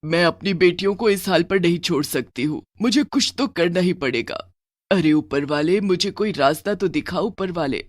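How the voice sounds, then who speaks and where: A woman's voice: lowish voice, moderate pace, no echo, natural voice. Cartoon witch-mom spirit, fretful and scolding, dry close sound, woman doing it. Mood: pleading. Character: worried dead mother turned female witch.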